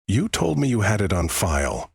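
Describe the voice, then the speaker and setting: A man's voice: fairly low pitch, big pitch swings, moderate pace, vocal fry, husky, no room sound, studio quality, voice pushed up, full character voice. A man voicing an old widowed woman neighbor who confronts someone with rising, accusing questions.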